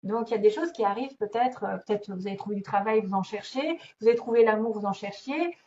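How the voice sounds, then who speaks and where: A tarot reader gives a casual reading, chatty and thinking aloud with many fillers and small laughs. Her warm, mid-range voice goes fast, captured in a dull lo-fi recording with faint noise.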